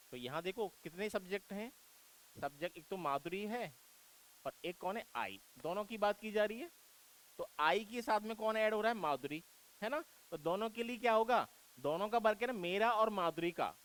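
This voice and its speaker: High-voiced Indian man teaching grammar. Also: a bit bright, rough recording. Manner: coaxing and repetitive, calls students "beta", asks rhetorical questions. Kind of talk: exam-prep grammar lesson.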